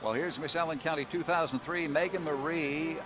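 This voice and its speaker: A man's voice: on the high side, brisk. American man, jokey parade commentator over music. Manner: jokey banter. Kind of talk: live parade broadcast commentary, scripted copy mixed with ad-libs. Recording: outdoor street broadcast, music behind.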